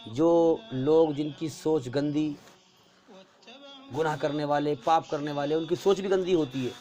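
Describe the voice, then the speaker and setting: Storytelling male preacher with slightly high voice. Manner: animated narration, acting out characters' lines. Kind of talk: sermon storytelling.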